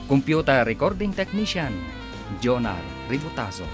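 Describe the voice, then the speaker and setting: A man announcing and narrating a scripted radio drama in a measured, dramatic manner. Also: medium pitch, very animated. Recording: prominent music under the voice.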